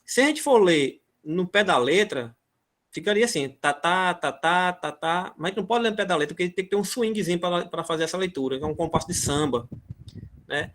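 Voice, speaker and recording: A man's voice: high-pitched, fairly quick, fairly bright tone. A man teaching rhythm on a video call, chanting syllables and words to explain the beats. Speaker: music teacher. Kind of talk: online music lesson.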